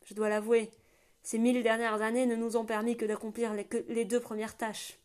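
A woman's voice: fairly high pitch, level tone, brisk, darkish tone, close to an everyday voice. A woman voicing a hearty, bearded rebel prince, an older man who speaks grandly and rousingly. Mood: solemn, rousing.

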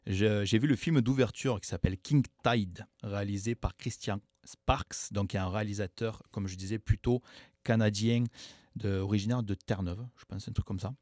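A man's voice: fairly low pitch, normal speed, darkish tone, no room sound. A man co-hosting a radio show, casually and chattily retelling a film plot in a studio.

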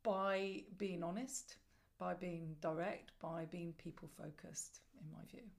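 A middle-aged woman answering interview questions conversationally as a guest, reflective and measured, with emphatic phrasing. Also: lowish voice, fairly even intonation, gravelly. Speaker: podcast guest, storyteller and former broadcast journalist.

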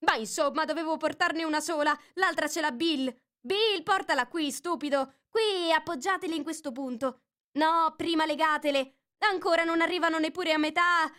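A woman's voice: sits high, moderate pace, pitched above the performer's own voice. A woman doing flustered bossy little animals. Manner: shouting orders, flustered. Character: bossy fussy animal crowd of servants.

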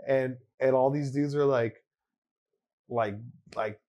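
Casting: young man, average pitch, loose slangy buddy chat, giggly storytelling manner. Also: steady tone, takes it slowly, dark tone, lo-fi sound. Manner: slangy, loose, giggly when telling stories. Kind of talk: casual chat.

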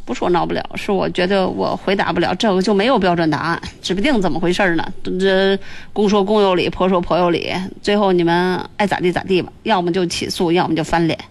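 A woman hosting a radio call-in show, blunt and quick, often exasperated with callers. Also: fairly low pitch, gravelly. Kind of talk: call-in radio advice talk. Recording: radio broadcast.

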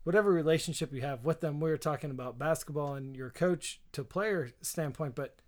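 A man's voice: a little high, fairly quick. Man asking probing casual questions. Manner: probing, thinks out loud, joking asides. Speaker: podcast host. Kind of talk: casual chat.

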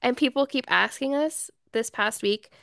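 A woman's voice: high-pitched, moderate pace, vocal fry, a bit bright, no room sound, studio quality. A young woman co-hosting a podcast, telling an emotional family story in a chatty way with frequent laughter. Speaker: podcast co-host. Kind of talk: casual chat.

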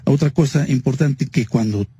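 A man's voice: medium pitch, moderate pace, mellow, husky. A man telling a spooky story in a casual, hesitant way, full of fillers. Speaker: guest telling a ghost story.

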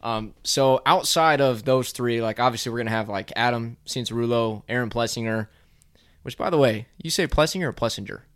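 A man's voice: mid-range voice, fairly quick, a bit bright, clear, resonant tone. Guy co-hosting a moto podcast, casual and chatty, jokes at his own expense. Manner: chatty, self-deprecating, laughs easily. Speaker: podcast co-host. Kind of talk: casual chat about motocross.

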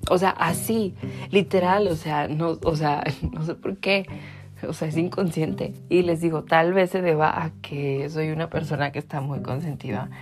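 A man's voice: a little high, steady tone, moderate pace, soft background music. A man with a Mexican accent hosting a podcast, chatting casually to his listeners and filling his talk with "o sea". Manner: chatty, many "o sea" fillers. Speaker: podcast host.

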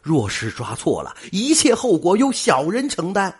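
A man's voice: high voice, huge pitch swings, normal speed, breathy edge, pitched above the performer's own voice, full character voice. A man doing an emphatic, stingy old landlord. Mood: insistent. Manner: emphatic, pleading.

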